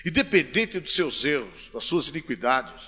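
A male pastor preaching a sermon, swinging from soft to loud and calling on the congregation. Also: fairly high pitch, sing-song, moderate pace. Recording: long hall reverb.

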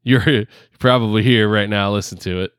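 A man's voice: fairly low pitch, steady tone, normal speed, fairly bright tone, clear, resonant tone, no echo, studio quality. A man hosting a casual podcast chat, rambling with lots of fillers and frequent laughs, hamming up a New York accent. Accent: put-on New York. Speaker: podcast host. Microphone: headphones and home podcast rig.

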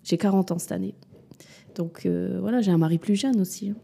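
A woman in her forties, a mother and business owner, answers interview questions candidly in a fairly low, gravelly, mellow voice with a breathy edge. She speaks briskly but hesitantly and reflectively, with frequent fillers and restarts.

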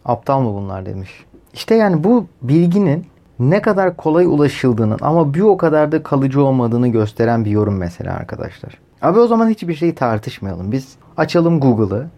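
A man's voice: mid-range voice, big pitch swings, normal speed, vocal fry, mellow. A man hosting a podcast in a casual, opinionated monologue, asking rhetorical questions as he talks. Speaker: podcast host.

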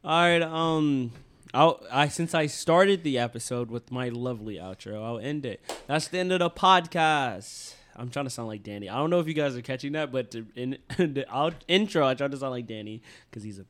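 A man's voice: mid-range voice, brisk. A young man co-hosting a casual podcast, rowdy and teasing, swearing and laughing often. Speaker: podcast co-host. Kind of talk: casual chat.

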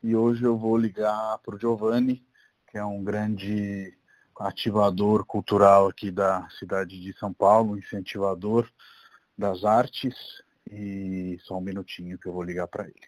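A man's voice: on the low side, level tone, measured pace, a little mellow, dry recording. A man in his thirties hosting a podcast, chatting in a friendly, agreeable way and dropping in English words. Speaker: podcast host. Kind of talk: casual podcast chat.

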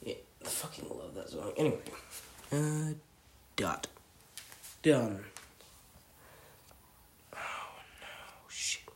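A man's voice: fairly low pitch, sing-song, slow, creaky, pauses often. Rambling, foul-mouthed teen boy. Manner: rambling, swears constantly, mumbles to himself. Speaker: podcast co-host. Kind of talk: casual podcast chat while drawing.

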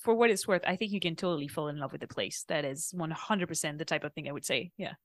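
A woman's voice: deep voice, fast talker, no echo, clean studio sound. A woman hosting a podcast interview, encouraging and affirming her guest in a casual way. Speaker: podcast host.

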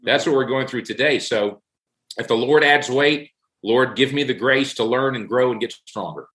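A man's voice: medium pitch, normal speed, fairly bright tone. A middle-aged man in a casual faith discussion, telling stories earnestly and repeating key phrases for emphasis. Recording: roomy echo.

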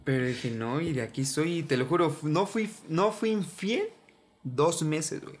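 A man's voice: a little high, normal speed. A young man with a Veracruz Mexican Spanish accent, telling a story in slangy, joking casual chat with a friend.

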